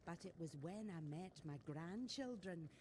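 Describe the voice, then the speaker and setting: A woman's voice: on the low side, animated, normal speed, darkish tone, a little hiss or hum, lightly acted. Actress as a merry, swooping older village shopkeeper woman. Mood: wry, reminiscing. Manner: teasing, folksy, chuckling storyteller. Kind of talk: video game character dialogue.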